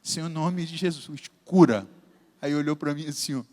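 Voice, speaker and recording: High-voiced Brazilian preacher in a hall. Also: male voice, normal speed. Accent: Brazilian Portuguese. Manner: animated, acts out dialogue in his stories. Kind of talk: sermon with storytelling. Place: church hall. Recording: long hall reverb.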